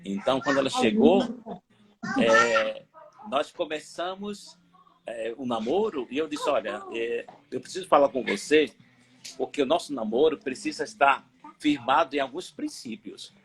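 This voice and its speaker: Lively middle-aged pastor. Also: male voice, medium pitch, measured pace, crowd noise. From Aracaju, Brazil. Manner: animated storytelling, emphatic repetition. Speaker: pastor, guest. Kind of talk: personal testimony in a live interview.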